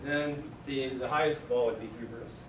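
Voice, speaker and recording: In a noisy, echoey church meeting room, a far-off camera records a young man giving a Greek class lecture. His mid-range voice moves at a normal pace with fairly even intonation, and his delivery is relaxed and conversational, packed with fillers.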